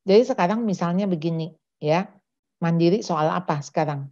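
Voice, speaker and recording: Woman, seminar speaker on parenting; lowish voice, acts out family scenes, muffled lo-fi sound. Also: brisk. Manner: animated, acts out parent-child dialogues. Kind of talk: church seminar talk with Q&A. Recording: dull lo-fi recording.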